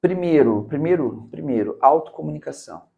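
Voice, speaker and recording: A man's voice: fairly high pitch, expressive, brisk, creaky, phone-quality sound. A Brazilian man mentoring on public speaking, talking emphatically in a casual interview and often tagging his points with "cara" and "né". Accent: Brazilian Portuguese.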